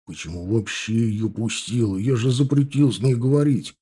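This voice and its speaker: Casting: a man doing a hissing, menacing husband, low and slow, warm husky tone. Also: animated. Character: furious middle-aged husband, taxi depot deputy.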